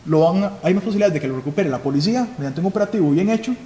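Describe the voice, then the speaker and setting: Racing along in a high, animated yet mellow voice, a police chief from Costa Rica, speaking with a Costa Rican Spanish accent, teaches a live security seminar. He instructs by raising his own questions and answering them. The recording carries the echo of a hall and some faint noise.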